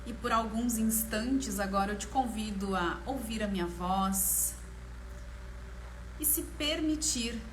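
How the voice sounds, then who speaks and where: A woman with a Brazilian Portuguese accent leading a guided meditation in a slow, soothing manner, leaving long pauses between short phrases. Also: a little high. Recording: clear background noise, ambience. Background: ambient meditation music.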